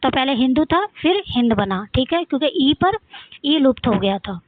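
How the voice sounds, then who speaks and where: Woman teacher, Rajasthani accent, high pitch, asks and answers her own questions, thin phone-like sound. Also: animated, moderate pace, dry recording. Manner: asks the class questions and answers them herself, repeats often. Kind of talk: exam-prep lesson. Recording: dry, phone-like audio.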